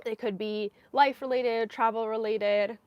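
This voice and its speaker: Giggly woman podcaster rambling about her yarn, kinda high voice, dry close sound. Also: steady tone, a little slow, no echo, dull audio. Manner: chatty and giggly, with frequent fillers. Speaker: knitting podcast host. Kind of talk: casual live-stream chat.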